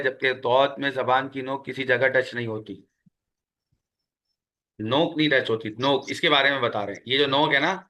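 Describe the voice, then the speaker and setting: A man leads a spoken tajweed lesson in a small classroom, with a student sitting in. His voice sits a little high and rings bright and forceful. He is patient and repeats each key sound slowly. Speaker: Quran recitation teacher.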